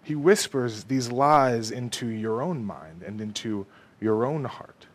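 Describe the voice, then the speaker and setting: A man's voice: medium pitch, animated, takes it slowly. A man preaching a sermon emphatically, asking rhetorical questions and checking in with "okay?".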